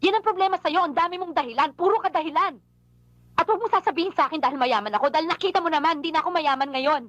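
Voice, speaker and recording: High-pitched hurt lady scolding her man, emotional, dry sound. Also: no room sound, muffled recording. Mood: reproachful. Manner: emotional, reproachful, rapid complaining. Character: unmarried woman, hurt and longing, outspoken. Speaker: Georgia, a woman reproaching her lover. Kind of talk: film drama acting.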